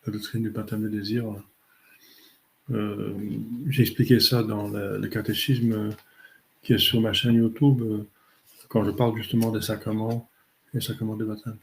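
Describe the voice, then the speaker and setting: Priest, low voice, halting catechism teacher who pauses often. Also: male voice, level tone, creaky, slight background noise. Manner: halting, many fillers and tag questions. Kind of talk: catechism talk answering questions.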